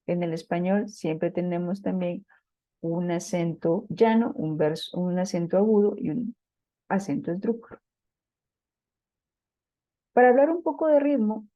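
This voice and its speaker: A woman gives a patient classroom lecture on poetry, often pausing to check that her students follow. Her voice is very dark and mellow and sits at an ordinary pitch. The sound is dry and close, with no room echo. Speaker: Spanish literature teacher.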